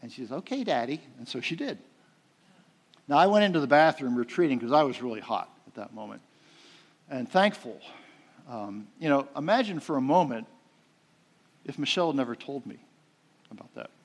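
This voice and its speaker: Folksy preacher telling a story. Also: male voice, mid-range voice, big pitch swings, moderate pace, long pauses. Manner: folksy storytelling, swings loud and soft, frequent uh fillers. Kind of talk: sermon with personal story.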